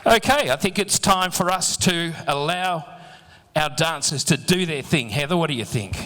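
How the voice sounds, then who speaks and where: A man's voice: a little high, expressive, moderate pace, pushed and bright, a little hiss or hum. Joking man, MC in echoey hall. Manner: jokey asides to the audience. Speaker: event MC. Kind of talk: live stage introductions. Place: live event venue.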